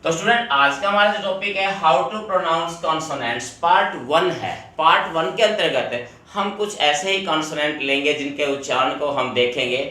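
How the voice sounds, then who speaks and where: Male teacher, bright voice, recorded off-mic in a very echoey room. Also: fairly high pitch, a little slow, few pauses, far from the mic, a little hiss or hum. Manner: explains step by step, repeats rules, addresses students directly. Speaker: English teacher. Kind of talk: classroom video lesson.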